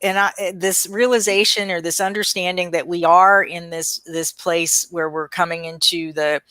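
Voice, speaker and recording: A woman's voice: lowish voice, fairly even intonation, moderate pace, bright, forceful tone, dry recording, rough recording. A woman hosting a casual livestream over a video call, reading out viewer comments and keeping the talk on time in an easygoing manner.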